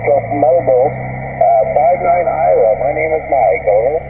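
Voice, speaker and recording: A man operating amateur radio, heard over fading shortwave, speaking haltingly in procedural radio phrases. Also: a little high, animated, gravelly. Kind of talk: ham radio net check-ins and contacts. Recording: noisy, narrow-band shortwave radio reception.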